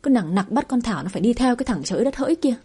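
A stubborn middle-aged mother complains and pleads with obstinate self-pity, as a woman narrator plays her. Her voice is warm, mellow and very breathy. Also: a little high, very animated, racing, voice pushed up. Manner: wailing, obstinate.

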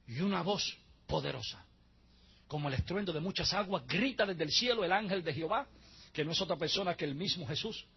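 Husky high-voiced man preaching dramatically. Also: highs cut off. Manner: dramatic preaching, swinging from hushed to shouted. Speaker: pastor. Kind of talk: sermon. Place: church. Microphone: handheld mic.

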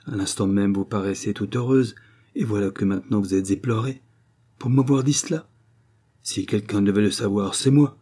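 A man reading as a pompous middle-aged count who speechifies, pleased with the sound of his own words. The voice is dark and husky, a little raised, and rolls out grand phrases. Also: fairly low pitch, normal speed. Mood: patronizing. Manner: grandiloquent, lecturing, full of himself.

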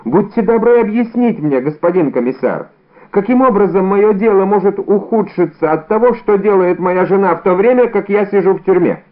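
A man voicing a frantic, pleading middle-aged haberdasher, high and desperate in an audiobook reading, over a tinny phone-like sound. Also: normal speed, close to an everyday voice.

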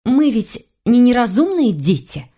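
A woman reading an audiobook, voicing a bold young female investigator in a brighter, higher voice. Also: big pitch swings, a little slow, breathy edge, exaggerated voice. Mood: determined.

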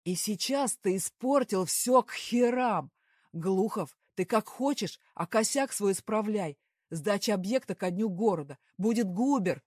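A woman voicing a furious shouting male boss. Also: mid-range voice, no room sound, studio quality, natural voice. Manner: shouting, raising voice with each phrase. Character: furious male company director yelling at employee.

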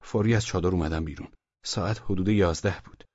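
A man's voice: low voice, darkish tone, no room sound. A man narrating a first-person audiobook in a colloquial, conversational storytelling manner, recorded close in a studio. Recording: dull lo-fi dry audiobook recording.

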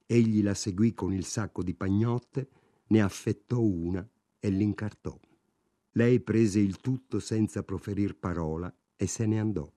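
A man reading a novel aloud in a measured, restrained narration. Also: on the low side, dark tone, no room sound, studio quality. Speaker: audiobook reader. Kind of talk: literary audiobook narration.

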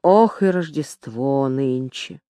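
An irritable old churchman who grumbles and scolds, as a woman reader puts him on. He talks slowly in a mellow, dry voice. This is an audiobook of a historical novel. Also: mid-range voice, animated, no room sound. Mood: grumbling. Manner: scolding, querulous.

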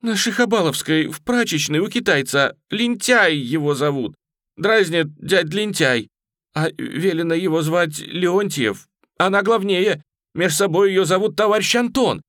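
A man's voice: sits high, lively intonation, unhurried, a bit bright, no room sound, clean studio sound, pitched above the performer's own voice. A shrieking terrified street boy. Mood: eager pleading. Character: frightened young boy thief, pleading and wailing.

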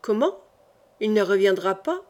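A woman voicing a young, earnest and devoted king who speaks haltingly in an audiobook reading. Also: medium pitch, steady tone, a little mellow, close to an everyday voice.

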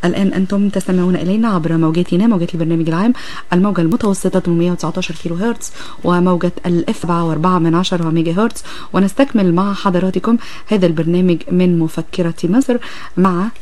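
A woman's voice: on the low side, very fast, warm tone. An Egyptian woman working as a radio continuity announcer, making formal live announcements with some hesitation.

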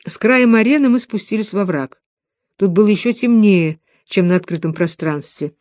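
A woman narrating a novel in a calm, reflective reading voice. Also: mid-range voice, moderate pace, no room sound, clean studio sound. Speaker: audiobook narrator.

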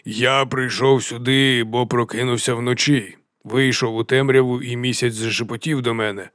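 Man reading as a big jolly madman chief, slow drawl, sing-song, hushed then loud, dry close sound. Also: mid-range voice, fairly even intonation, no echo, close to an everyday voice. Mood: jovial, unhinged. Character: fat mad cheerful male hill chieftain. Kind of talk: audiobook character voice.

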